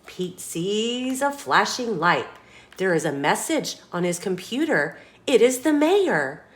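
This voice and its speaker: Taking it slowly in a mid-range voice, a woman reads a picture book to children with dramatic expression. As storytime host, she poses questions to the young audience.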